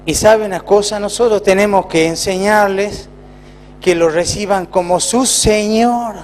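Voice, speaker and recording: A man with an Argentine accent, a pastor preaching a sermon in a church with emphatic rises and slow, drawn-out phrases. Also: sits high, steady tone, slight background noise. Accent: Argentine Spanish.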